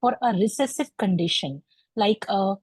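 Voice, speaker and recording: Lady doctor lecturing on a video call, mellow slightly husky voice, dry close sound. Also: mid-range voice, no room sound. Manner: measured, explanatory, with frequent uh fillers. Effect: heard over a video call. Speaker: clinical geneticist presenting a webinar lecture. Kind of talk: medical lecture. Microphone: computer mic on a video call.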